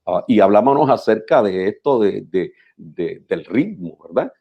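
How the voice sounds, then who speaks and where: A man, a pastor teaching preachers in a measured, instructive radio talk who repeats phrases for emphasis. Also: lowish voice, expressive, husky, muffled recording.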